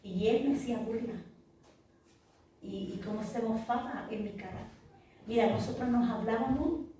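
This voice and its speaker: A woman's voice: fairly high pitch, normal speed, dark tone, slight background noise. A middle-aged woman pastor telling an earnest, vivid testimony in a podcast interview, recorded with the mic far off in an echoey room. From Chile.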